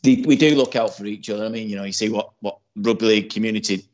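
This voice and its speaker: A man's voice: lowish voice, quick pace, a little mellow. Rambling man on dull lo-fi audio. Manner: rambling, lots of fillers and restarts, earnest. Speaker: podcast co-host. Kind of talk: casual podcast chat.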